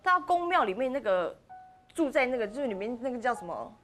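A woman's voice: on the high side, fairly quick, soft background music. A woman with a Taiwanese Mandarin accent, a podcast host telling a ghost story casually and acting out the characters' lines. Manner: animated, acts out the characters' lines.

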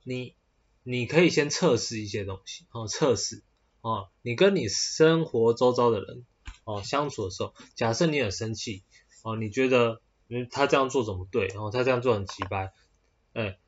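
Taiwanese-accented male podcast host, mid-pitched and husky, talks in loose rambling bursts full of fillers, dull lo-fi sound. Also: moderate pace. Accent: Taiwanese Mandarin. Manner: rambling, with many hesitant fillers and restarts. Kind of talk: casual solo podcast talk.

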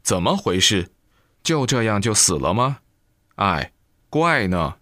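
Low-voiced man reading a Buddhist book aloud. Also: takes it slowly, no room sound, studio quality. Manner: lively storytelling with exclamations. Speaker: reader.

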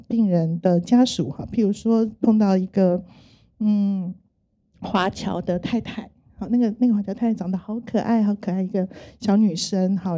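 A middle-aged woman with a Taiwanese Mandarin accent tells stories from her work in a gentle, thoughtful way, with many soft fillers. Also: mid-range voice. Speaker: speaker sharing work stories. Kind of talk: reflective storytelling talk.

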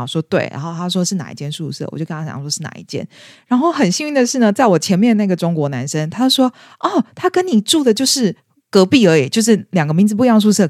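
A young woman in her twenties chats at a brisk clip on a podcast and tells a personal story. She acts out the quoted lines in bright, raised voices. Her voice sounds close and dry. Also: lowish voice, no room sound. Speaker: podcast co-host. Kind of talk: casual storytelling chat.

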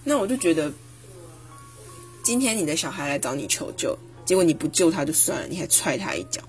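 Woman, 20s, solo podcast host; emphatic, animated delivery. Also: low voice, fairly quick, soft background music. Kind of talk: personal reflective monologue.

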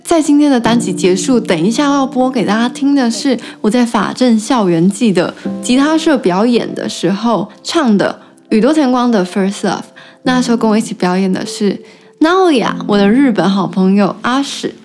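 A woman's voice: on the high side, animated, normal speed, darkish tone, faint music behind. A woman from Taiwan with a Taiwanese Mandarin accent tells stories casually as a podcast host, her articulation slightly impeded by braces. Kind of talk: casual solo storytelling chat.

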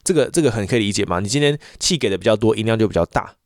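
A man's voice: on the low side, rapid-fire, dry recording, clean studio sound. A man, a voice teacher, ranting in a casual monologue full of repeats and restarts. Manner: animated, repetitive ranting with frequent restarts.

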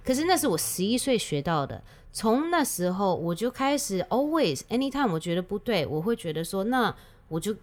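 A woman's voice: mid-range voice, big pitch swings, normal speed. A woman telling a personal story in casual chat, slipping English words and phrases into her speech. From United States. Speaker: guest.

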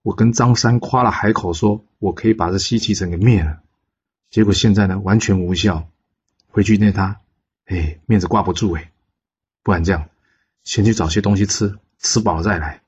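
A cocky, hot-tempered bird immortal with a deep, husky male voice, as a storyteller puts him on. The sound is muffled and lo-fi, like a home recording of a spoken tale. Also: normal speed, a little mellow, heavily acted. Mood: frustrated.

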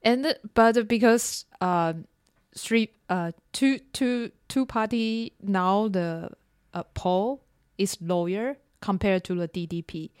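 Female co-host, clear resonant voice, hesitant English. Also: mid-range voice, a little mellow, dry recording, studio quality. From Taiwan. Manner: hesitant non-native English with many fillers. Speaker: podcast co-host. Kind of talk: casual discussion.

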